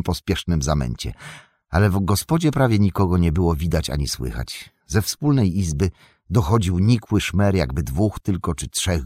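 A man narrating a fantasy audiobook in a measured storytelling manner. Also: low-pitched, a little mellow, husky, no room sound, clean studio sound. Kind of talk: scripted narration.

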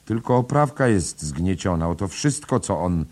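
A man voicing an anxious middle-aged man who talks urgently and persuasively to calm others. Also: low-pitched, unhurried, pitched above the performer's own voice.

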